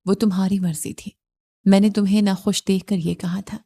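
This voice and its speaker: A woman's voice: mid-range voice, mellow, lightly acted. A woman reading a blunt, possessive young husband. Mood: brusque. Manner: blunt, curt demands.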